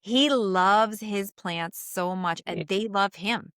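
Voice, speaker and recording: A woman's voice: mid-range voice, slow pace, fairly bright tone, clear, resonant tone, no room sound. Earnest woman podcast co-host, dry sound. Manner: earnest, emphatic, shifts pace freely. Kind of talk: casual conversational podcast.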